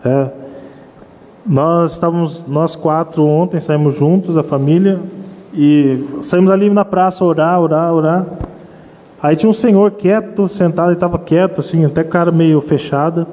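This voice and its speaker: A man's voice: fairly high pitch, dark tone. A man preaching an earnest sermon, constantly turning to address his congregation as brothers. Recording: long hall reverb.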